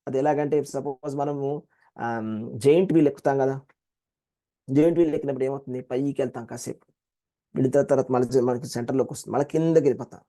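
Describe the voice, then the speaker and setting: A man with a Telugu accent teaching a scripture class, explaining verses in an animated way and acting out quoted voices. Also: medium pitch, quick pace. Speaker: Gita teacher.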